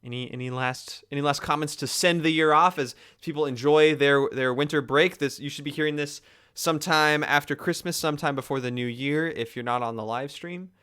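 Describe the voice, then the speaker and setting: A man's voice: a little high, a little fast, fairly bright tone, smooth. A man co-hosting a casual gaming podcast, chatting easily and laughing often. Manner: laughs often, earnest sign-off. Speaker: podcast co-host.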